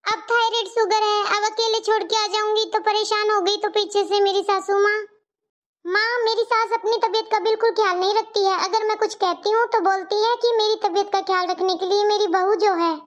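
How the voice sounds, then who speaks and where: A woman's voice: very high-pitched, level tone, fairly quick. A woman voicing a caring young married woman in a cartoon story, earnest and pleading. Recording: dull lo-fi audio.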